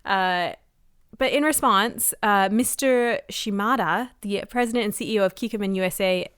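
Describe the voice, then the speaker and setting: A woman's voice: mid-range voice, moderate pace, a bit bright, clear, resonant tone, no echo. Young Canadian woman, podcast co-host; chatty, filler-heavy, dry close sound. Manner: chatty, laughing, many "like" fillers. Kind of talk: casual chat.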